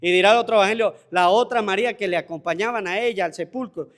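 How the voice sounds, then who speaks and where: Venezuelan priest, high voice, preachy homily, keeps repeating himself for emphasis. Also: male voice, quick pace, fairly bright tone. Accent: Venezuelan Spanish. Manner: rhetorical questions answered himself. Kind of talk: homily at mass.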